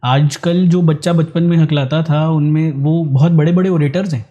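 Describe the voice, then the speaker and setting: Doctor guy explaining stuff calmly, kinda high-ish voice, warm soft tone, switches hindi and english. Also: normal speed, highs cut off. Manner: calm, mixes Hindi with English phrases. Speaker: ENT doctor, guest. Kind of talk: explanatory interview answers.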